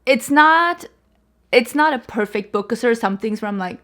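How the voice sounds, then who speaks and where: A slightly high, somewhat bright female voice with lively intonation, moving at a normal pace, belongs to a young book reviewer from Sweden. A native Swedish speaker, she chats casually to camera, filling her talk with "like," other fillers, restarts and self-corrections.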